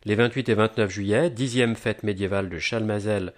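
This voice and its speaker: A man's voice: on the low side, normal speed. A man reading a scripted events listing in an upbeat announcer's manner, stressing the headlines. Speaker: announcer of a local events agenda. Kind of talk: scripted promotional narration.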